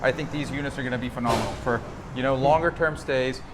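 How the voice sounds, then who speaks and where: A Chilean developer with a mid-range voice gives a quick, casual, emphatic tour of his property, often repeating and restarting phrases as he makes his sales pitch. He walks along a city street and through a building site, with traffic noise all around.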